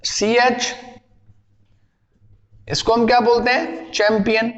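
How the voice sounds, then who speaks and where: A man's voice: very high voice, little pitch movement, slow pace, fairly bright tone, big-room sound, highs cut off. A man teaching a spoken English lesson, explaining patiently and asking and answering his own questions. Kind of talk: classroom lesson.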